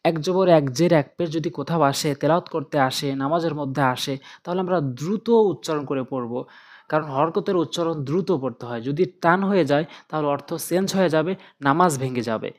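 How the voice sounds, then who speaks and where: A Quran reading teacher giving a spoken lesson, chanting syllables in slow, deliberate drills and stressing correct pronunciation. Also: medium pitch.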